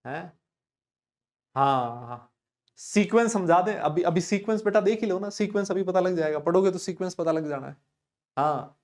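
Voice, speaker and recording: A man's voice: high voice, vocal fry. A man teaches chemistry in a live online class. He talks in a chatty, teasing way, keeps checking in with his students, and answers their comments as they come in. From India.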